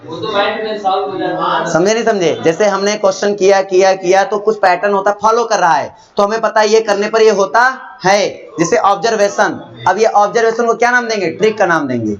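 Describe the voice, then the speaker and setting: A man's voice: high-pitched, a little fast. A young man teaching math to a class, talking bluntly and scolding, then telling stories from his own student days. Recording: dull lo-fi sound, classroom chatter behind.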